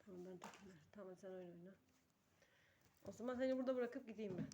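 A woman's voice: medium pitch, fast, very noisy. A woman chatting casually with her young child as a mother, in a coaxing, playful, teasing way.

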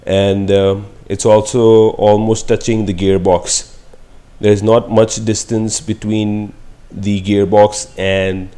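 An Indian car build vlogger walks slowly and steadily through his car project in a lowish, mellow, clean-toned voice. He explains things matter-of-factly with the odd filler, mixing casual voice-over and on-site commentary. Some parts sound like a phone recording made in a garage workshop.

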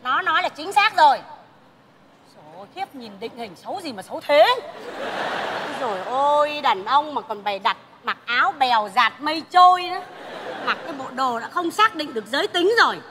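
A woman playing a bossy, scornful mother in a stage comedy sketch, talking in a loud, mocking way. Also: sits high, animated, a little fast, a faint crowd, a little hiss or hum. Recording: live stage show with music.

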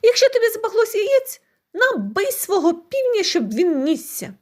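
A woman plays a miserly old granny from a folk tale, snapping scornful advice at her husband. Her voice rises sharply and carries a sneering, lively lilt. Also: very high-pitched, moderate pace, voice pushed up. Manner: scornful, scolding. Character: stingy scolding old peasant woman.

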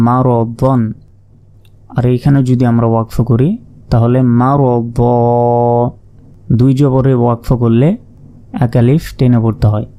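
A man with a Bangladeshi Bengali accent teaching Quran recitation, spelling out each word letter by letter in a slow, methodical way. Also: medium pitch, mellow.

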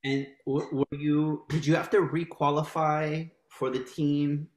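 A young man from Maryland hosting a casual video call interview, upbeat and laughing, talking in quick bursts. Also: fairly high pitch, flat delivery. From Maryland, United States. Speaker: host. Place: home room. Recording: roomy video call audio.

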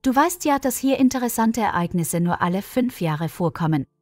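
A loyal, protective young woman with a fiery streak , as a female reader plays her. She speaks bluntly and encouragingly, and her pitch moves a lot. The recording is dry and close. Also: animated, moderate pace, darkish tone, no echo, faint music behind, close to an everyday voice. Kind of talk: storybook reading.

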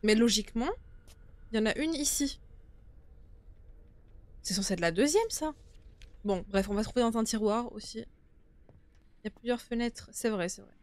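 A young woman with a slightly high voice comments live as she plays a horror game. She talks casually to her viewers, in informal language with some swearing. She speaks into a close microphone in a small room. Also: moderate pace, long pauses, dry recording. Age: young adult. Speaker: game streamer. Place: small indoor streaming room. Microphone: close desktop streaming microphone.

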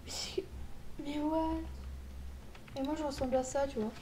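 High-voiced woman, playful game commentary. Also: measured pace. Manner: playful, joking, excitable outbursts. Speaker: gaming YouTuber. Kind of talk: casual gameplay commentary. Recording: loud background noise.

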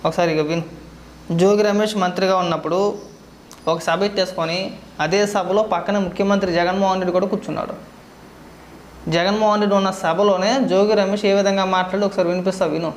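Rapid and high-pitched, a male commentator fires off sarcastic rhetorical questions in a scolding political monologue. The voice rings in an echoey room with a faint hiss behind it.

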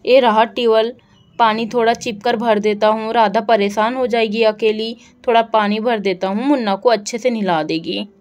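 Woman doing a young village husband for a doll story, fussy but helpful, quite high. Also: fairly even intonation, normal speed, a little mellow, lo-fi sound, close to an everyday voice. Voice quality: same high voice as narrator, barely lowered. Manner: fussy and complaining, then eager to help.

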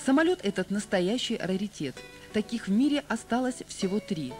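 A young adult woman presenting a television documentary with polished, expressive scripted narration. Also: mid-range voice, normal speed, faint music behind.

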